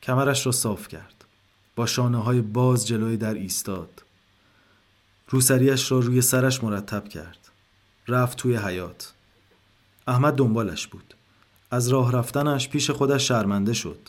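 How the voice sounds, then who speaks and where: A man narrating a literary short story in a calm, measured way. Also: mid-range voice.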